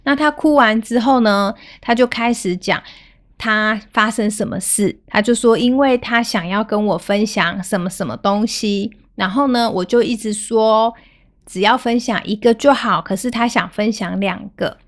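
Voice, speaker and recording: Woman, thirties, parenting podcast host, calm, gentle storyteller, middle pitch. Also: moderate pace.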